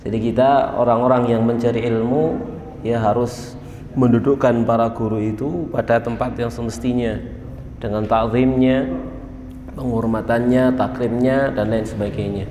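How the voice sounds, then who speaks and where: A man's voice: medium pitch, steady tone, normal speed, dark tone. A man giving a chatty religious study talk in a mosque, often tagging his sentences with a questioning "ya". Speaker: religious teacher. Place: mosque hall. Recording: echoey mosque hall, faint noise.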